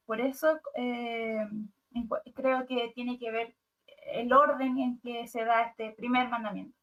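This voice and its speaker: A woman's voice: high-pitched, fairly bright tone, recorded from a distance, low-quality recording. A woman in a casual Bible study discussion, speaking tentatively and partly reading aloud. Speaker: study group participant.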